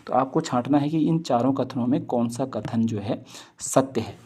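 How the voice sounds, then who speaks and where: A man's voice: medium pitch, moderate pace, mellow. A man teaching a history lesson, reading multiple-choice questions and options aloud and then explaining each answer, often repeating key points and mixing in English words. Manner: mixes in English words and phrases. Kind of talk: exam question walkthrough.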